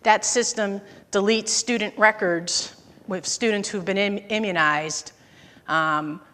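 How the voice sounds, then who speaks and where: A woman's voice: mid-range voice, a bit bright, long reverb tail. A woman in her fifties giving a conversational conference talk, telling anecdotes from her career. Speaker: conference presenter. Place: conference auditorium.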